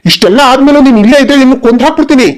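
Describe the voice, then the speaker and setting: A man's voice: extremely high pitch, very fast. A man voicing a cruel hot-tempered cartoon husband. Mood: angry. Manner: harsh, shouting threats.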